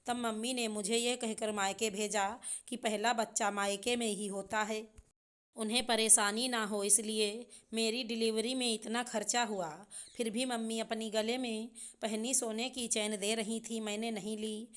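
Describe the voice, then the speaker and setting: A woman's voice: fairly high pitch, flat delivery, unhurried, fairly bright tone. Sadhana, a woman voicing a hurt young daughter-in-law. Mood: aggrieved. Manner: pleading, tearful complaint.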